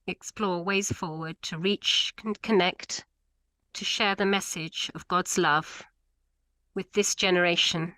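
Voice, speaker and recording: A Scottish woman hosts a church webinar, speaking slowly and carefully in a bright, clear voice. The sound is dry and close. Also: fairly low pitch, no echo, rough recording. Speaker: webinar host. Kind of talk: hosting and leading prayer.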